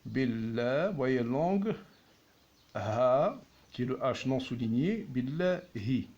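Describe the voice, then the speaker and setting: A man teaching at a whiteboard, patiently explaining and repeating each word slowly. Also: mid-range voice, big pitch swings, a little mellow, highs cut off. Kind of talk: slow classroom explanation.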